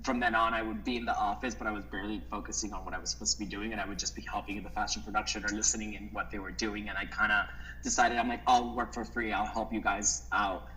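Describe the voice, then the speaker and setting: A man from the Dominican Republic, a modeling agent, telling stories in a relaxed, casual interview with many "like" fillers. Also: fairly low pitch, quick pace, slight background noise, poor audio. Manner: relaxed storytelling, frequent "like" fillers.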